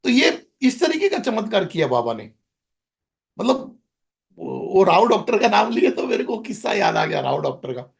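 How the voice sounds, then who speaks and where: A man's voice: sits high, big pitch swings, moderate pace, vocal fry. A middle-aged man, a podcast guest, telling a rambling story in casual conversation, with many restarts.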